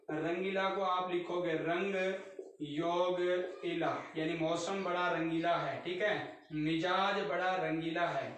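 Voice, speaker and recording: A man's voice: high-pitched, fairly bright tone. A man teaching Hindi grammar in a class, repeating each word and quizzing his students as he goes. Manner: repetitive, drills each word with quiz questions to students. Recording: very echoey room, mic far off.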